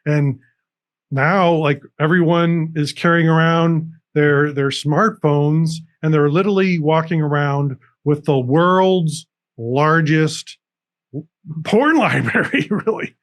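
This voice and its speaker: An earnest man whose voice sits a little higher than most men's, explaining his methods step by step and restarting his sentences often. He speaks as an interview guest over a video call. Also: slow. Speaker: recovery coach guest. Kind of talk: interview on a TV show. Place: room with dragon decorations behind him.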